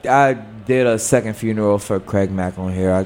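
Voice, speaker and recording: A man chatting casually on a music panel in an animated, emphatic, slangy way. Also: fairly low pitch, fairly quick, very noisy. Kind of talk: casual chat.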